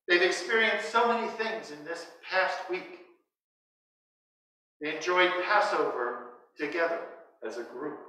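An American priest in his sixties reads a sermon from notes before a church altar, speaking through a face mask in measured short phrases broken by pauses. His voice is high and sharp, and the distant mic captures a very echoey church.

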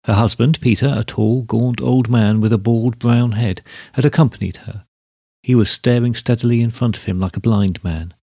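A man narrating a classic short story in a measured, steady storybook reading. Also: medium pitch, slightly rough, dry recording, clean studio sound. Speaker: podcast host reading a story.

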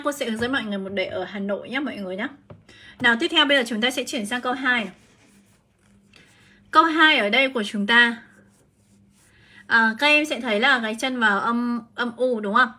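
This is a woman with a highish, bright voice and a forceful tone. As an English teacher from Vietnam, she is hosting a conversational exam prep live stream and breaking down every answer step by step.

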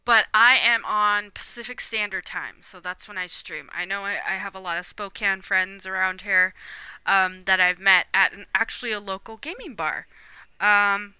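A woman's voice: medium pitch, pushed and bright, clear, resonant tone, no room sound, poor audio. A laid-back young woman streaming games live, chatting casually and rambling with lots of fillers. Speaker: gaming streamer.

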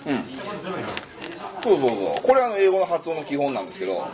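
A man's voice: a little high, wildly swooping pitch, quick pace, a loud crowd. A man tutoring in a casual, chatty way, thinking aloud as he explains. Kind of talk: casual whiteboard lesson.

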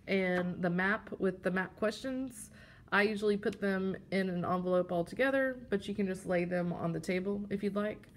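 Woman, teacher, step-by-step instructional walkthrough, unhurried, faint background hum. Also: medium pitch. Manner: plain explanatory, steady step-by-step; demonstrates with props as she talks.

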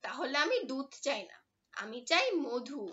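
A woman's voice: high voice, animated, unhurried, a bit bright, lo-fi sound. A woman voicing a stubborn little child who whines and insists, in a children's storybook reading. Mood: whiny. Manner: whiny, insistent.

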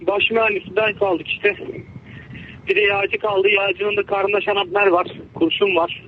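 An injured man on a ship's crew talks haltingly over a two-way radio, repeating himself. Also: sits high, little pitch movement. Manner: speaking over a walkie-talkie radio link. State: injured, with an aching head. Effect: two-way radio transmission. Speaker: ship crew member at sea. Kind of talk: tense real radio conversation. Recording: narrow tinny radio link, faint noise.

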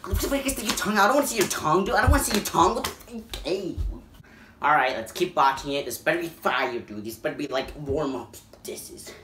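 A man hosting a reaction video, excitable and swearing constantly, breaking into loud yelps of disbelief. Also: a little high, fairly quick, slight background noise. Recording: echoey room.

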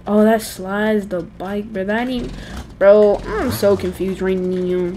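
Brief: excitable gamer woman, slangy play-by-play, mid-pitched voice, loud game engine noise under it. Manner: excitable, slangy, quick exclamations. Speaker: gaming channel host. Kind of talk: casual gameplay commentary. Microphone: gaming headset.

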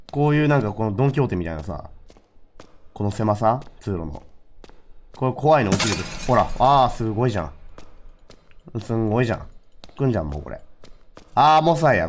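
Low-voiced man joking through a horror game. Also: a little fast, long pauses. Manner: joking, unflustered banter with the game characters; lively, dry running remarks to himself. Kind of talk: casual let's-play commentary.

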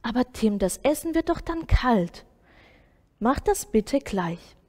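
A woman's voice: a little high, very animated, takes it slowly, dark tone, in a large hall, exaggerated voice. A woman doing a patient, coaxing grandma. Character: caring grandmother, gently firm.

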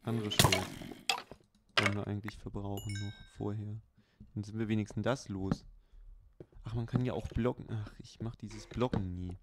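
A man hosting a let's play, giving unhurried, chatty running commentary with many fillers. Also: fairly low pitch, level tone. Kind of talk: casual gameplay commentary. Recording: clear background hiss.

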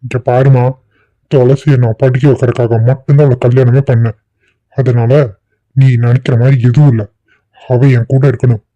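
A man's voice: medium pitch, little pitch movement, normal speed, dark tone, no echo, lo-fi sound, close to an everyday voice. A man in his twenties voicing a defiant young husband arguing with his mother in a cartoon. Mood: insistent. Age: 20s. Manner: defiant, insistent. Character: defiant young husband, 25, hot-headed son. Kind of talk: cartoon voice acting.

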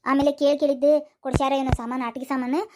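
A strict but kind cartoon schoolteacher, voiced by a woman, coaxes and scolds in a North Karnataka Kannada accent. She speaks at a very high pitch and a rapid clip, over a faint background hiss. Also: level tone, lightly acted. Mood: exasperated. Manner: coaxing then scolding, rapid and talky. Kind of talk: cartoon voice acting.

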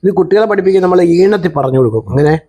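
A man teaching Quran reading in a patient call-and-response lesson, drawing words out slowly for a student to repeat. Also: sits high, lively intonation, warm tone. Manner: slow drawn-out recitation of words for repeating.

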